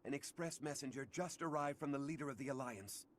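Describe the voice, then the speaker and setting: A man's voice: mid-range voice, slight background noise, natural voice. Man voicing an urgent soldier messenger. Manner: hurried, respectful. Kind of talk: video game voice acting.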